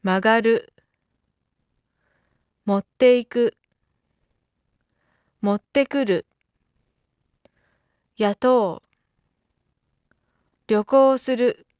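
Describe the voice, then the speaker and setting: A woman reading out lesson vocabulary carefully, one isolated item at a time with pauses between. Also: on the high side, a little mellow, clear, resonant tone, no echo, studio quality. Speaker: Japanese vocabulary reader. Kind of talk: scripted word-list reading for a language lesson.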